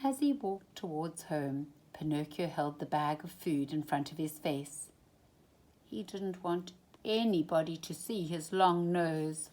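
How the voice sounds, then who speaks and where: A female storyteller reads a children's book with expression, her deep voice full of lively intonation. Her delivery is deliberate and dramatic, shifting between full voice and hushed phrases.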